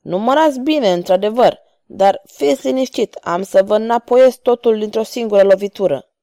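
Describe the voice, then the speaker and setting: A woman's voice: medium pitch, warm tone, dry recording, studio quality, lightly acted. A woman voicing an arrogant male baron who blusters at his rivals. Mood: blustering.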